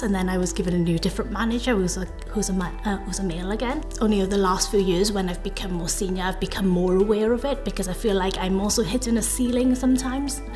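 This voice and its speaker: A woman in her thirties from South Wales speaks in a reflective interview at a middle pitch. She sounds earnest, often hedging and restarting her sentences. Faint music plays quietly behind her. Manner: earnest, hedging with frequent fillers and self-corrections. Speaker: interviewee, data professional.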